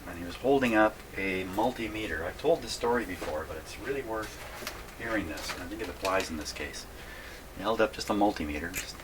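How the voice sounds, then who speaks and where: In an indoor radio repair workshop, an older vintage radio repair hobbyist presents a video, his low voice competing with noticeable background noise. He rambles in a folksy, self-deprecating way, musing aloud like someone working at a bench. The tone is a bit bright, and the audio quality is poor.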